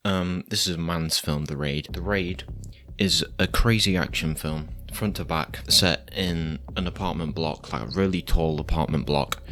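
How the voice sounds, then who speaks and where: A man's voice: low voice, normal speed, noisy background. A man giving casual film reviews in a laid-back, rambling, slightly hesitant way.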